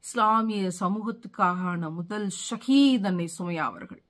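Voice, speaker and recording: A woman's voice: mid-range voice, measured pace. Middle-aged woman preacher, mid-range voice, fervent and imploring, hammers repeated lines. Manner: pleading, rising to fervent emphasis; repeats phrases for rhetorical force. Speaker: religious speaker. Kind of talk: impassioned sermon.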